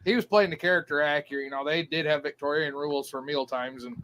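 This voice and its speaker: Male guest, high bright voice, deadpan anecdotes over a video call. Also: quick pace, a little hiss or hum, poor audio. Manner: dry anecdotal storyteller. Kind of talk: casual chat.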